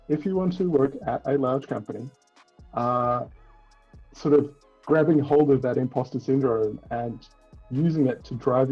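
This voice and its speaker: A husky-voiced man gives informal, self-deprecating advice in a tech talk. His pitch is middling and the recording sounds dull and muffled. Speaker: software engineer speaker. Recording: dull muffled audio, faint music.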